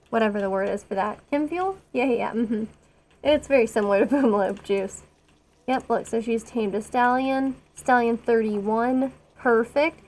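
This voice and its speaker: A woman's voice: fairly high pitch, darkish tone. A woman streaming a colony-building game, chatting casually with rambling, self-deprecating asides. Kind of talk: casual gameplay commentary.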